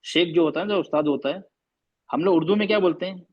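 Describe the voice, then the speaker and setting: High-voiced man teaching pronunciation, lo-fi. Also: quick pace. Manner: drills words by repeating them, patient and coaxing. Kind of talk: online class on Arabic pronunciation.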